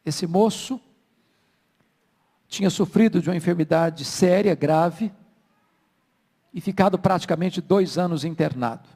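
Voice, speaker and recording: High-voiced preacher, gravelly, in a reverberant hall. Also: male voice. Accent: Brazilian Portuguese. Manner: dramatic preaching, swinging from soft low asides to loud slow emphasis. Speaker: pastor. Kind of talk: sermon.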